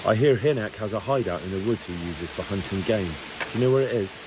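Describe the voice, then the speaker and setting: A man's voice: fairly low pitch, quick pace, background noise, close to an everyday voice. A man voicing a determined, blunt young hero in a medieval video game. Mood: questioning.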